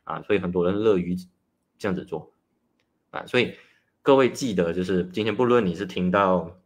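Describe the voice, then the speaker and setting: A nutritionist hosting a casual livestream talk. He is a man who explains things in a chatty way and starts many phrases with a drawn-out "ah". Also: low-pitched. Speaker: nutritionist host.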